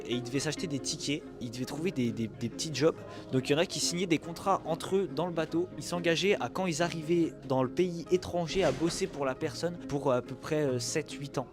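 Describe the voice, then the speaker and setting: A young man in his late teens, filming a casual travel vlog on a phone while walking around a city, joking and excitable. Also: a little high, a little fast, few pauses, over music. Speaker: student vlogger. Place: on the move, outdoors in a city, on a coach and in a museum. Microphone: phone held while filming.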